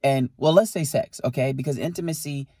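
A man's voice: mid-range voice, a little fast, slightly rough, dry recording, studio quality. Emphatic man lecturing on relationships. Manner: emphatic, animated lecturing with rhetorical questions. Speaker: podcast co-host. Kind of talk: casual relationship talk.

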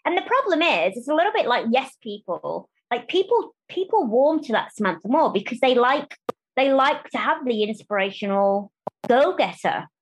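A woman speaking candidly as a podcast interview guest, animated and quick to restart phrases and act out what others say. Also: a little high, breathy edge, low-quality recording. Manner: animated, restarts phrases, acts out quoted voices.

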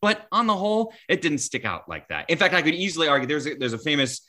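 Lively, bright-voiced man telling stories. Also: fairly high pitch, quick pace. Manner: animated, acts out quoted voices, many restarts. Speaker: sports broadcaster guest. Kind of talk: podcast interview storytelling.

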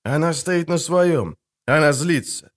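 A stern, weary witcher with a terse, patient way of talking, as a male audiobook reader plays him. The voice sits slightly high and stays even and controlled. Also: measured pace. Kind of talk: audiobook character voice.

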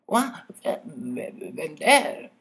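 A man's voice: a little high, sing-song, gravelly, fairly bright tone, breathy edge, pitched above the performer's own voice, heavily acted. A man voicing a wise and kind male owl who stammers when startled awake. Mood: startled, irritated.

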